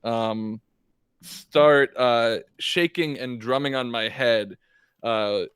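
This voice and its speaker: A man playing a tabletop game, explaining his moves casually and haltingly as he thinks aloud. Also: mid-range voice, a bit bright, clean tone, no room sound, clean studio sound.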